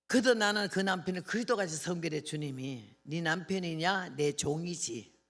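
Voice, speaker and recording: A woman's voice: on the low side, lively intonation, moderate pace, fairly bright tone. An older woman preaching at a revival meeting, telling folksy anecdotes and acting out dialogue. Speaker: missionary preacher.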